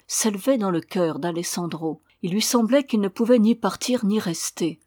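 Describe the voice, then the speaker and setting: A woman reads a classic novel aloud in an even storytelling voice, lightly shading the characters' lines. Her pitch sits in the middle range, and the recording is close and dry, with no room sound. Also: dry recording. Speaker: audiobook reader.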